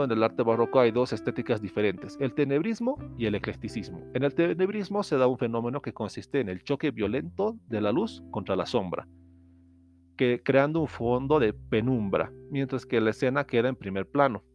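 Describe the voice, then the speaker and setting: Man giving a steady art-history lecture. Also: mid-range voice, normal speed, highs cut off, soft background music. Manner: steady explanatory tone, occasional restarts. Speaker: host. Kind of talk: educational lecture.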